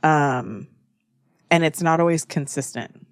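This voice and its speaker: Low-voiced woman podcast co-host. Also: takes it slowly, clean tone, no room sound, clean studio sound. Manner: many short agreeing replies, plain-spoken. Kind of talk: casual chat about books.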